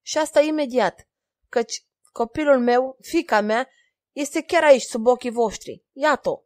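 A woman's voice: sits high, a little mellow, dry recording, voice pushed up, natural voice. A proud aging king who gives orders and raises his voice when angered, as a woman reads him in an audiobook. The voice has a dry, close sound with almost no room around it. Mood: pleading. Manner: commanding, raises voice in fury.

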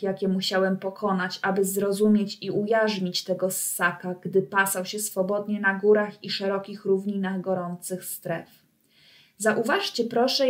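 A woman's voice: mid-range voice, natural voice. A woman doing a pompous circus director. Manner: pompous, declamatory, slow and grandiose. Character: pompous male circus director, grandiloquent showman.

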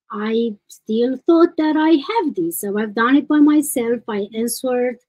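The caller is a woman in her thirties from Romania, speaking over a webcam video call from a room at home. Her warm voice is a little high, and she hesitantly explains her situation in detailed steps. Recording quality is low.

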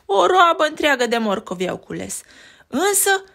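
Lively woman reading a picture book aloud. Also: high voice, vocal fry. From Romania. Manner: lively, addresses the listener, points at pictures. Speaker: storyteller reading to a child.

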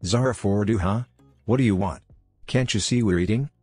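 A man's voice: lowish voice, moderate pace, darkish tone, husky, dry recording, faint music behind. A man voicing a mischievous young man who teases a rude diner with mock anger. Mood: teasing. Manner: teasing, mock-angry.

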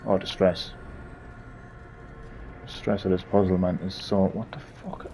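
A man's voice: deep voice, level tone, a little slow, dark tone, a little hiss or hum. A man giving gameplay commentary, frustrated, swearing and muttering to himself as he plays. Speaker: gamer.

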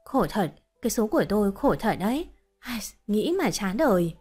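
A woman's voice: mid-range voice, very animated, normal speed, a little mellow, husky, faint music behind. A woman voicing a scheming, whining middle-aged mother-in-law in a told story, wheedling and complaining.

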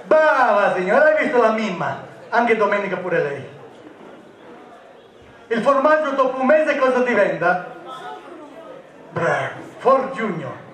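A man's voice: high-pitched, big pitch swings, unhurried, pauses often, a bit bright, some chatter behind. A man performing as a stage magician, giving jokey, teasing patter to volunteers in a live comic magic show. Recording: echoey, distant stage recording.

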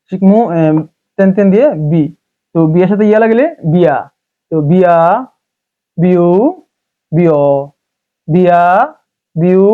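Guy teaching, high voice, says each sound twice, tinny phone-ish audio. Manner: repetitive, drilling syllables aloud twice over. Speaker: Japanese teacher. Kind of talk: casual spoken lesson.

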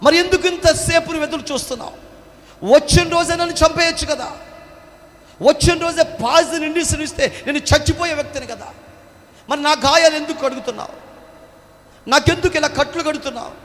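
A man's voice: very high-pitched, big pitch swings, fast, pauses often, a bit bright, pitched above the performer's own voice, exaggerated voice. A male preacher voicing a wounded, remorseful soldier who asks one urgent question after another in a pleading way. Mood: anguished. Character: wounded repentant soldier, man, middle-aged, remorseful. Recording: echoey hall, faint background noise.

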